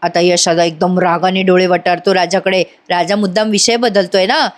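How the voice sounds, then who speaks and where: A woman's voice: fairly low pitch, fairly even intonation, moderate pace. Chatty woman recapping a serial. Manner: chatty, aside-heavy storytelling. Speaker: serial review narrator. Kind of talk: voice-over episode recap. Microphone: voice-over.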